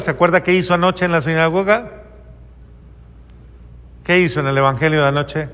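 Brief: male priest giving a homily, slow and deliberate, higher-pitched, echoing church hall. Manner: questions the congregation, acts out quoted replies in soft voices.

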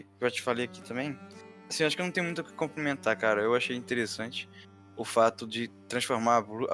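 A man co-hosts a relaxed film review, his speech loose and full of slang. His pitch sits in the middle range, and faint music plays underneath. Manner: slangy and laid-back, animated when joking. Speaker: co-host of a film review show. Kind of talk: casual chat.

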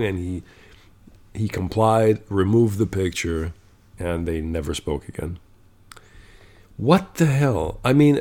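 A man's voice: on the low side, a little mellow. A man telling a story in a casual monologue, blunt and profane, growing exasperated and checking in with "okay?".

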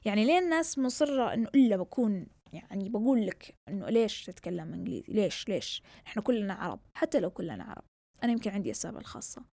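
Fast-talking young woman. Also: mid-range voice, gravelly, no echo. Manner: switches between Arabic and English mid-sentence; animated, rhetorical questions. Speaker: vlogger. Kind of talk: casual monologue.

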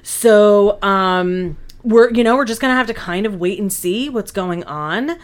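A chatty woman co-hosts a casual podcast. She talks with a middle pitch, filling her speech with "um" and "like". She giggles often. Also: unhurried. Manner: chatty, giggly, lots of fillers. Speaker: podcast co-host. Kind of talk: casual chat.

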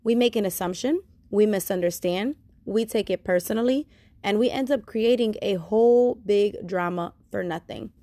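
A woman reading a self-help book chapter aloud in a steady, measured way. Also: medium pitch, dry recording. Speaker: reader.

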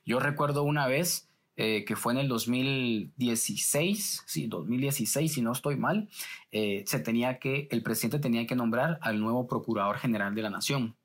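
A man's voice: mid-range voice, moderate pace. A man journalist, telling stories in a casual interview and acting out the exchanges he describes. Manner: lively retelling that acts out quoted exchanges.

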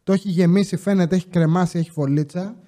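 A man telling comic stories from his casino job in a loose, slangy, joking way, with coughs and quick asides. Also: high voice, fairly even intonation, mellow. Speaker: podcast host telling casino work stories. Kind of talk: casual storytelling monologue.

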